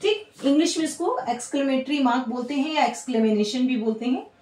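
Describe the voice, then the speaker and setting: Lively high-voiced woman teaching grammar. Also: a little fast, a little hiss or hum. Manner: explains patiently, repeats words, asks and answers own questions; mixes English words into Hindi. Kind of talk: Hindi grammar lesson. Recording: echoey room, voice a bit far from mic.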